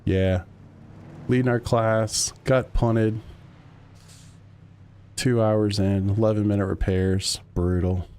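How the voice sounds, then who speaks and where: A man's voice: on the low side, level tone, slow pace, pauses often, a little mellow, clean tone. A man streaming a sim racing game, chatting casually with his chat while he drives. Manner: laid-back, rambling, answers chat.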